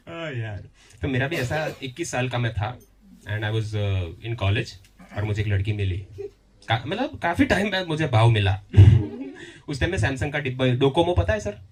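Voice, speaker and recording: A man's voice: medium pitch, takes it slowly. A young man in his twenties doing a stand-up comedy set, telling stories and acting out dialogue. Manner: animated storytelling, mixing Hindi and English, acting out dialogue. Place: comedy venue with a live audience.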